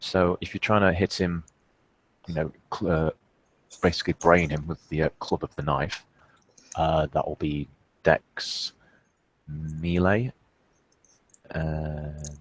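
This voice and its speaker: A man running a tabletop role-playing game as storyteller, explaining rolls with many pauses and fillers. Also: rumbling low, no echo. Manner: hesitant, lots of fillers.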